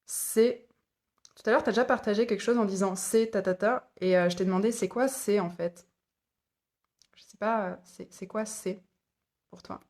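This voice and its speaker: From her home office, a woman who guides people in human design hosts a casual live stream, reading viewer comments aloud, repeating them and laughing often. Her mid-range voice is a little mellow, with fairly even intonation, normal speed and long pauses. She's recorded on a phone or laptop mic.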